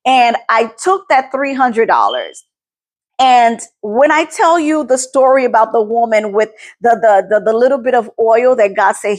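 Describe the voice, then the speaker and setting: A woman in her forties sharing a personal faith testimony, emotional and close to tears, repeating words for emphasis. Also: fairly high pitch. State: teary, near crying. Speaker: podcast host. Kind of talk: personal testimony, casual talk.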